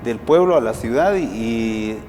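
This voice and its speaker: A Guatemalan man, a civil society activist, answers interview questions as a guest in Guatemalan-accented Spanish. He is hesitant, with frequent "eh" fillers and restarts, speaking in a medium-pitched, lively, slightly mellow voice at a measured pace. Long reverb and faint music surround him.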